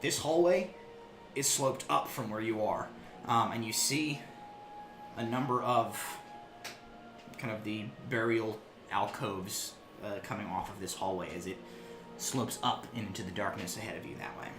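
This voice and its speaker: A man narrating a tabletop game as game master, haltingly, often searching for his words. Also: on the low side. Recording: echoey room, loud background music.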